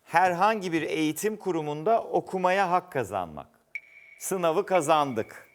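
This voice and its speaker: A man's voice: a little high, animated, unhurried. A man hosting a word quiz show, reading clues aloud and teasing the contestant in a playful way. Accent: Turkish. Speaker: game show host.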